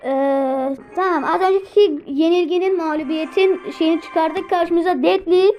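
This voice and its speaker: A woman giving live gameplay commentary, excitable, talking to herself and repeating words as she plays. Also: very high-pitched, a little slow, highs cut off, soft background music. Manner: excitable, talks to herself while playing. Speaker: gameplay streamer.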